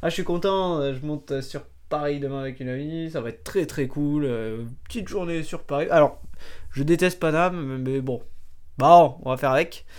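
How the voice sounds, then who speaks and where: A young man hosting a casual radio show, excited and chatty, with plenty of hesitations as he talks to listeners. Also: a little high, normal speed, clear, resonant tone. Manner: energetic and chatty, with frequent fillers. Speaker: radio host.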